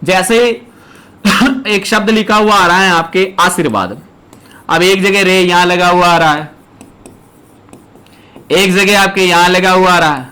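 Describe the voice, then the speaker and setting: A man's voice: high-pitched, measured pace, pauses often, pushed and bright. A man from Rajasthan teaching an exam prep lesson, repeating rules emphatically and speaking straight to his students. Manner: emphatic, repetitive drilling of rules; addresses students directly, explains step by step.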